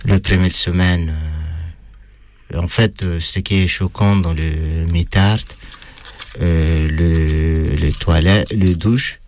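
A man with a foreign accent answering interview questions in a hesitant, halting way, pausing often and filling gaps with hesitation sounds. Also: low-pitched, steady tone, darkish tone. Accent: foreign accent in French. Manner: hesitant, halting, many pauses and fillers. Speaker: interviewee recounting time in prison. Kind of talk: casual spoken testimony.

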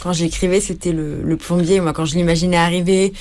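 A woman author talking casually about writing her novel, soft and halting. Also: on the low side, level tone. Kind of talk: casual interview.

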